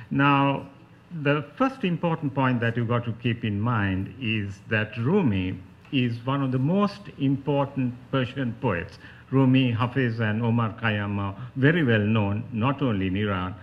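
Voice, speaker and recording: A man with a Sri Lankan accent gives an academic panel talk. His voice sits at a medium pitch, and he explains things in a scholarly way. The recording is a little muffled and lo-fi. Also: unhurried. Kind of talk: spoken academic lecture.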